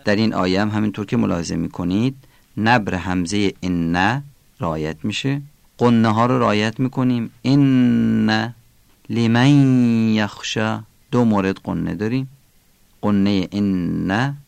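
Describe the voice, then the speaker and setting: Gravelly-voiced man teaching Quran recitation. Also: lowish voice, no room sound. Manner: explains pronunciation rules, then says example words slowly and drawn out.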